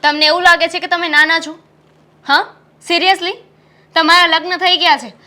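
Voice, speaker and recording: A woman's voice: very high voice, steady tone, normal speed, sharp tone. A young woman playing a frustrated pregnant wife who scolds her husband in a family drama. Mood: scolding. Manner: scolding, reproachful.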